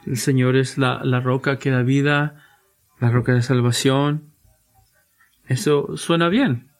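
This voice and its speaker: A man's voice: medium pitch, fairly even intonation, slow. A man preaching a sermon to his church, earnest and emphatic, with frequent restarts and repeated rhetorical questions. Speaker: pastor.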